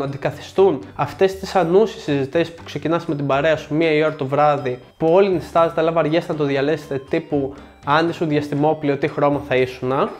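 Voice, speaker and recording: A young man hosting a board game review show, presenting in a scripted, joking way with sarcastic asides. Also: a little high.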